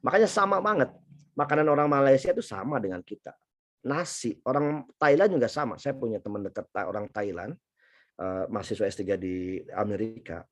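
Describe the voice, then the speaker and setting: A man's voice: fairly low pitch, animated, brisk. A middle-aged man from Indonesia giving a casual university lecture, chatty and anecdotal, with many fillers and restarts.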